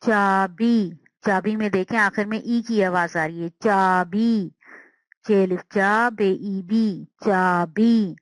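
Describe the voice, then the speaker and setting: A woman teacher giving a slow, patient language lesson, sounding out words and repeating them. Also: mid-range voice, fairly even intonation, no room sound, rough recording.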